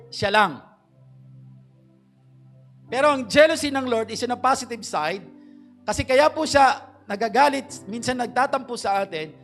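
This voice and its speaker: A middle-aged man preaching a sermon in church, polite and earnest, slowing down to stress key phrases. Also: sits high, a bit bright. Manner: slows to stress key English phrases, mixes Tagalog and English. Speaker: pastor.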